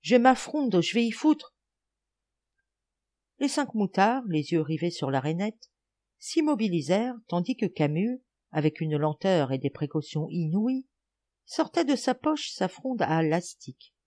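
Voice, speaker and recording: A woman reads a classic story aloud with a lively, rising-and-falling delivery. Her narration is expressive and animated, carrying the scene forward. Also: fairly low pitch, normal speed. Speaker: audiobook reader. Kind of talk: literary audiobook narration.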